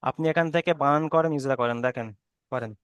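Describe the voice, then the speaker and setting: A man's voice: medium pitch, fast, fairly bright tone, clear, resonant tone, no echo, dull audio. A man teaching an online Arabic reading lesson with a Bengali accent, patiently spelling out letters and correcting students.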